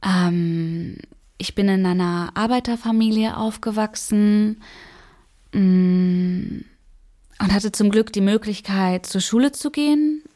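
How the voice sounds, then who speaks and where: A hesitant young activist of twenty, played by a woman in a verbatim radio play. She keeps pausing and reaching for words, with many fillers. Her pace is slow and drawn out. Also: mid-range voice, mellow, close to an everyday voice. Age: 20s.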